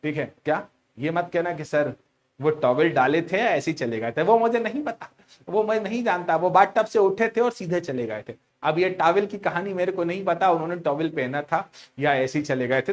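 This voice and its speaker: A man teaching a class, animated and teasing, asking questions and repeating key words back to his students. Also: a little high, normal speed. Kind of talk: lively storytelling lecture.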